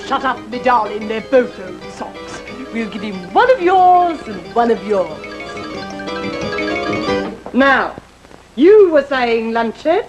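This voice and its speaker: A woman's voice: a little high, sing-song, slow, long pauses, music in the background, poor audio. An actress playing a scheming, haughty middle-aged stepmother in a comic fairy tale, theatrical and falsely sweet. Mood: bossy.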